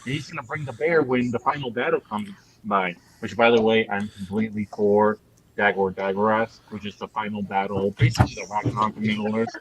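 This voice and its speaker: A man chatting excitedly in a casual group discussion, rambling through his ideas and swearing freely. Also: fairly low pitch, a little fast, a little hiss or hum, poor audio. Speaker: panelist.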